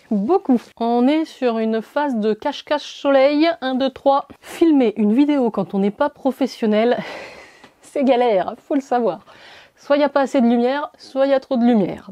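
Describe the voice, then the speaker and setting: A woman's voice: a little high, dark tone. A woman chatting casually as a beauty vlogger, showing off her gifts with enthusiasm and lots of small fillers. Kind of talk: casual product haul chat.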